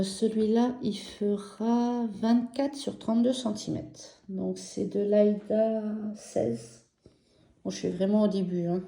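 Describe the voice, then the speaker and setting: A French woman chatting casually and enthusiastically about her embroidery projects in a vlog, slow and gentle with many fillers. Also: medium pitch, creaky, reverberant. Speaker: embroidery vlogger. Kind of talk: casual show-and-tell vlog.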